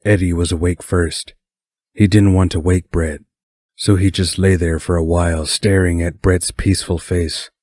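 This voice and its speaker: Deep-voiced guy reading a story out, calm and steady, dry close mic. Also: normal speed, no echo. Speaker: narrator. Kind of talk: reading a fan story aloud.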